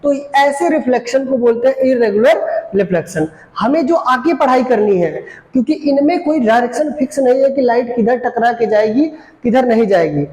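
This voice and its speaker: A man's voice: extremely high pitch, animated, normal speed, a little mellow, echoey room, rough recording. A man teaching a physics lesson to children, asking questions and answering them himself, mixing English terms into his Hindi speech. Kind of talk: classroom lecture to children. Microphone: camera.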